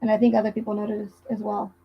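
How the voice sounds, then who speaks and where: On a livestream, a female host chats casually about a true crime case, speaking fast in a mid-range monotone with a slightly rough edge. She's conversational and emphatic, repeating points to drive them home, and the audio sounds muffled, dull and lo-fi.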